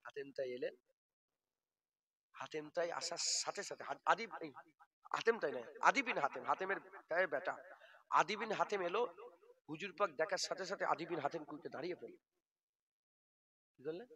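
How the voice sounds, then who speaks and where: A man preaching a Bengali Islamic sermon, storytelling in hushed tones, then rising to loud exhortation. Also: a little high, lively intonation, moderate pace, long pauses. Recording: sermon at a crowded gathering. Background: crowd.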